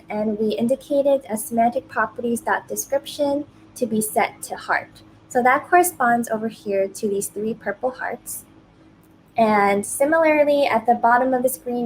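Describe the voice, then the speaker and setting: Woman walking through a software demo. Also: fairly high pitch, slight background noise, rough recording. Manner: clear, explanatory. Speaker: presenter.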